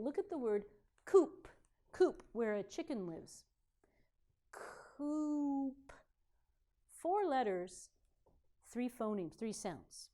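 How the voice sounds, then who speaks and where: A woman with a fairly high voice gives a classroom lecture on pronunciation. She talks clearly and deliberately. She sounds out each example word carefully. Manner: clear, deliberate teaching delivery with modeled example words. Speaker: pronunciation instructor.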